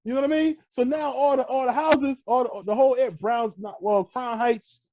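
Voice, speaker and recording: On a casual podcast, a New York-accented man from Brooklyn speaks with a very high voice, a steady tone and normal speed, hammering home points with "all right" and "you know what I mean." The audio has cut-off highs and a noisy background.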